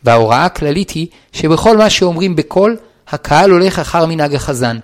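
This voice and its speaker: A man reading a religious law book aloud in a measured, even, formal recitation. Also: a little high. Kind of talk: formal read-aloud of a text.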